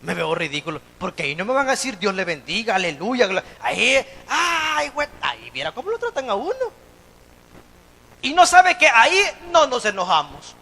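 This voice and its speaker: Animated pastor preaching. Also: male voice, high voice, a little fast, poor audio. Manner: animated, swings from loud to hushed, acts out scenes; addresses congregation as "hermano". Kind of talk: evangelical sermon.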